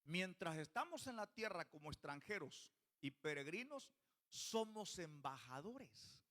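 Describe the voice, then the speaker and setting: A high, bright male voice delivers a church sermon. He keeps questioning the congregation as he preaches. His tone is sharp and forward. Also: very animated, measured pace. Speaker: pastor.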